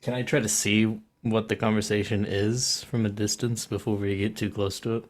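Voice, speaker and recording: A man's voice: lowish voice, flat delivery, moderate pace. A man taking part as a player in a tabletop game, talking casually with lots of fillers.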